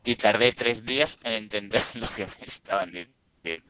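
A man's voice: fairly low pitch, moderate pace, bright, forceful tone, no room sound. A man co-hosting a podcast, chatting casually and teasing the others. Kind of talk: casual comedic chat.

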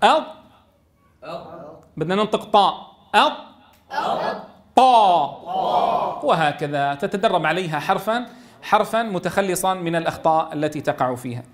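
A man teaches a tajweed lesson in a fairly high voice. He drills each letter sound, stretching and repeating it with firm stress so his students can follow along. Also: animated, quick pace. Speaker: Quran recitation teacher.

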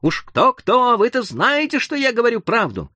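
A man voicing a frantic young man who insists he is sane, crying out in a shrill, pleading voice. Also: huge pitch swings, moderate pace, bright, forceful tone, dry recording, studio quality, exaggerated voice.

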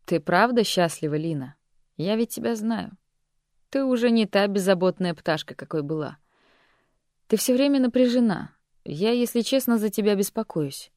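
Audiobook: a soft, patronizing ex-lover, read by a woman, dry close sound, a touch lower and quieter. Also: expressive, normal speed, dry recording, natural voice. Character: calm condescending man, heroine's ex-lover and former teacher.

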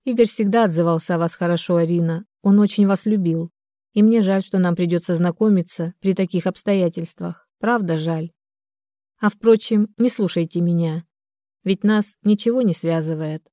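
A woman reads a young widow in this audiobook, hoarse and cold, with her words slightly blurred by drink. The tone is low and mellow. It is recorded close and dry. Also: normal speed, no room sound, natural voice.

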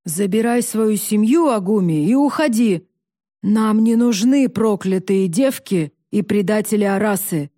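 A woman's voice: mid-range voice, lively intonation, measured pace, dark tone, dry recording, clean studio sound. A woman voicing a stern, scornful old village elder.

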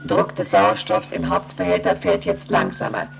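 A woman playing an emotionless moon station computer in a radio play, reciting in a formal monotone. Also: rumbling low, moderate pace, vocal fry, background noise. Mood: impassive. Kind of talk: German radio play acting.

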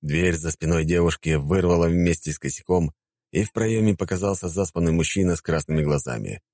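A man narrating an audiobook in a calm, wry, laid-back manner. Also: sits low, brisk, no room sound, studio quality.

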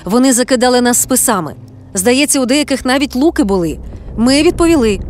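Woman as composed young expedition member, calm recounting, higher voice. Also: brisk, slight background noise. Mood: tense.

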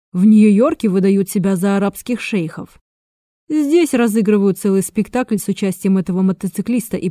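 A woman's voice: medium pitch, mellow, no echo, studio quality, lightly acted. A woman voicing a tired, bitter male agent who speaks through his teeth.

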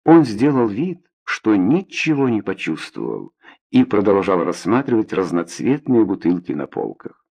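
Gravelly husky male narrator. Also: on the low side, big pitch swings, a little slow, a little mellow. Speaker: audiobook reader. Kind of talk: scripted narration.

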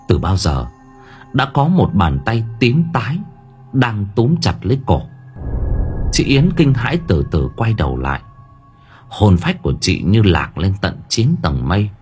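A man's voice: deep voice, a little mellow, slightly rough. A man narrating a horror story in a dramatic storytelling manner. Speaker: audiobook narrator. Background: faint background music.

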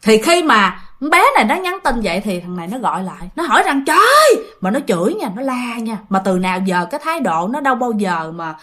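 A woman with a high voice narrates a ghost story. Her delivery is casual and chatty, with loose run-on phrasing, and she keeps speaking directly to her listeners. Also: very animated, quick pace, few pauses, a bit bright.

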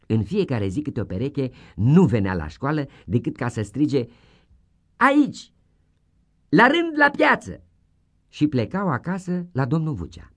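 A man reading a story aloud in the first person, as a radio-theatre narrator with expressive storytelling. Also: medium pitch, breathy edge.

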